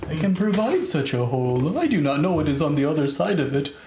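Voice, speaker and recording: A man performs a giddy, self-important fish in a tabletop game. The delivery is high and very animated, full of boastful relish. It sits in an echoey room with faint noise. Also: fairly quick. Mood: gleeful boasting. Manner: theatrical, pompous, gleeful. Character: giddy, grandiose talking fish, boastful and mischievous.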